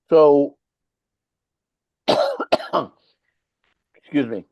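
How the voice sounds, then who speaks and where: A mid-range male voice on dull audio belongs to a Finnish rock band leader whose mother tongue is Swedish. Guesting on a podcast in casual interview chat, he's blunt and profane, hammering home his points with emphatic storytelling.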